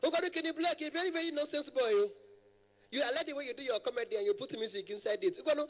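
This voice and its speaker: Comic bit: a squeaky, shrill, excitable caller, loud and high. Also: male voice, fast, heavily acted. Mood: excited. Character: shrill high-voiced excitable man on phone.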